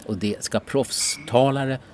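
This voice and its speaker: A man's voice: medium pitch, steady tone, crowd noise. A man co-hosting a casual chat podcast, playful and teasing, who repeats himself for effect. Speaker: podcast co-host.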